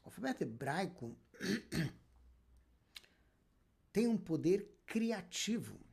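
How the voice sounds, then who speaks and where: Husky-voiced rabbi lecturing with emphasis. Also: male voice, sits high, big pitch swings, slow pace, a little mellow. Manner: emphatic, asks and answers his own questions. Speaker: rabbi teaching Kabbalah. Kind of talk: spoken lecture.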